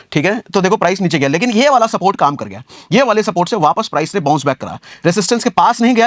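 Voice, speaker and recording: Guy teaching trading on a screen share, high voice, talks fast, repeats stuff a lot, dry close sound. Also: no room sound. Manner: explains step by step, repeating points, asking rhetorical questions; casual, calls viewers brother.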